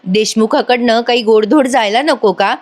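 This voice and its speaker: Motherly housewife, a woman narrator doing her: firm, brisk, fairly high voice. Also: natural voice.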